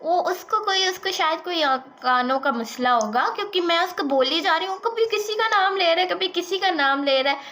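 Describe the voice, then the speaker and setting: A woman telling a childhood story in an animated, chatty vlog style, dropping in English words. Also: very high voice, moderate pace, few pauses. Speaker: vlogger.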